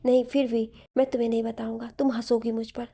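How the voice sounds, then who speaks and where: A woman's voice: on the high side, flat delivery, fast talker, creaky, dark tone, husky. A woman voicing a shy, stubborn young man in a story, sounding sulky and defensive. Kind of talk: storybook narration.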